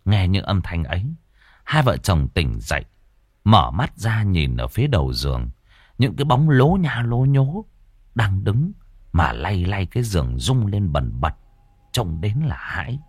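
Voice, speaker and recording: A man narrating a ghost story in a dramatic, expressive, scripted style. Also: low-pitched, a little slow, husky, no room sound, clean studio sound.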